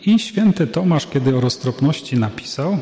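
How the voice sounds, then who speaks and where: A man, a priest, giving an unhurried, conversational sermon-like talk with casual asides. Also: on the high side, lively intonation, dark tone. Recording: echoey hall.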